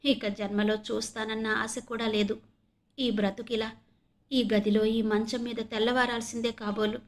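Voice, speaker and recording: A crippled teenage boy, voiced by a woman reader, pleads through tears in a storybook drama. His voice sits high and strained, carried on with a narrator's clarity. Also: level tone, normal speed, close to an everyday voice. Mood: wistful. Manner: pleading, tearful.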